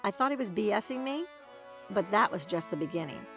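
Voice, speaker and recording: A woman's voice: mid-range voice, lively intonation, brisk, gravelly, fairly bright tone, faint music behind. A woman narrating her own documentary in a wry, dry storytelling manner.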